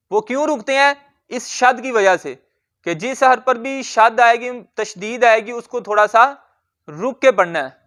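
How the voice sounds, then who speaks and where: A man with a very high, bright voice leads a Quran recitation lesson. His tone is smooth and clear, and he drills each word slowly, asking questions and then answering them himself.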